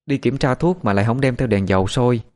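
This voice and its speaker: A man's voice: medium pitch, lively intonation, fast talker, a little mellow, pitched above the performer's own voice, lightly acted. A man voicing a wronged young female servant who talks in an earnest, pleading, sometimes firm way. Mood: firm accusing.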